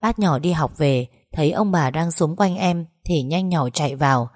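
A woman reading a story aloud, gentle and emotive. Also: sits low, normal speed, no room sound, studio quality. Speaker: narrator. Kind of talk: audiobook story narration.

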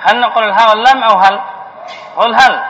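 A man's voice: high-pitched, fast talker, pushed and bright. A man, a sheikh, giving a classroom lesson on Arabic grammar. He asks his students questions and then answers them himself. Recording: dull lo-fi lecture recording with faint hiss.

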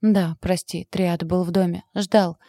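A determined young woman healer speaks with firm, loud assurance, as a woman narrator puts her on. The delivery is forceful but warm-toned. The recording is dry and close. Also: fairly low pitch, steady tone, measured pace, no room sound.

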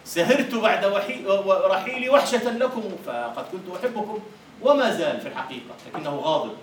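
A man with an Egyptian Arabic accent giving a university lecture on poetry and meter, who explains words and then recites verses slowly and emphatically. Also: high-pitched, animated. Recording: echoey room from a distant mic with faint noise.

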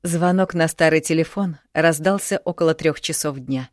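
A woman reading a novel aloud as audiobook narrator, calm and even. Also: low voice, normal speed, dry recording, clean studio sound. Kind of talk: scripted narration.

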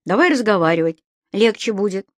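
A kindly old man, as a woman reader puts him on, talking in a calm, soothing way with a slightly lecturing tone. His voice stays close to the reader's own middle pitch. The recording is dry and close. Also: brisk, no room sound, close to an everyday voice.

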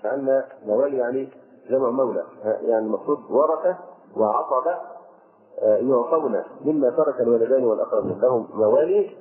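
A man's voice: medium pitch, fast, crowd noise. A male Islamic scholar giving a religious lesson, explaining scripture line by line with fillers. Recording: tinny phone-like lo-fi recording.

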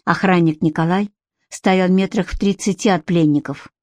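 A woman reading an audiobook in steady, measured narration. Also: fairly low pitch, dry recording, clean studio sound. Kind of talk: scripted narration.

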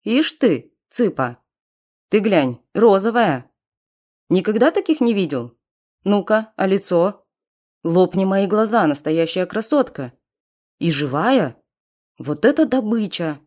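A rowdy, greedy male raider, exclaiming loudly and eagerly, as a woman reading an audiobook puts him on. His voice climbs high and loud with coarse excitement. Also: slow, pauses often. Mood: gloating. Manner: boisterous, exclaiming.

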